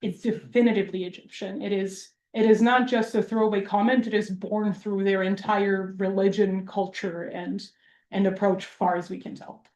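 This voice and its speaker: In a university lecture hall with roomy acoustics, a Serbian woman from Belgrade, an academic who has just given a public talk, answers questions in a loose, wry, self-deprecating way. She has a mid-range, darkish voice with little pitch movement and a moderate pace, and the recording's highs are cut off.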